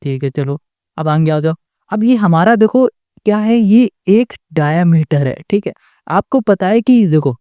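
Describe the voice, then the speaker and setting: A maths tutor with a warm, medium-pitched voice teaches a lesson step by step in a clean, studio-quality recording with no echo. He patiently restates points, asks the class rhetorical questions, and checks in with "okay?" after each step.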